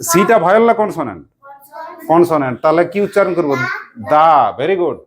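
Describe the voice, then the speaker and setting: A teacher giving a classroom lesson, quizzing pupils with repeated questions and briskly praising correct answers. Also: medium pitch, very animated, slight background noise.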